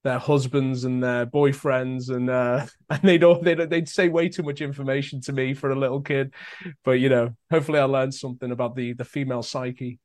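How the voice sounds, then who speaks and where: A man's voice: mid-range voice, level tone, fairly quick, darkish tone. A young man with a Liverpool accent, an actor chatting in an interview, telling stories with many fillers and restarts. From Merseyside, England. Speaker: actor guest. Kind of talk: casual interview chat.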